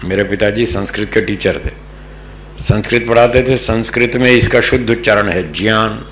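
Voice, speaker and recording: A man's voice: fairly low pitch, normal speed, a bit bright. A man from Delhi giving a religious philosophy discourse as a spiritual teacher, patient and explanatory, repeating key terms. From Delhi, North India. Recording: echoey hall with faint hum.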